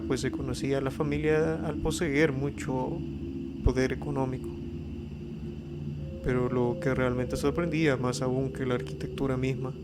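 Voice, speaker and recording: A man narrates a horror story in a flat, steady reading voice at a middling pitch. His delivery barely rises or falls. Clear eerie ambience sounds run underneath him throughout. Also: noisy background. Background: spooky ambience and effects.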